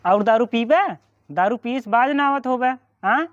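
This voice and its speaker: A man's voice: very high voice, a little slow, highs cut off. A man with an eastern Uttar Pradesh accent playing a bossy, scheming village brother-in-law in an amateur comedy skit. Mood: scolding.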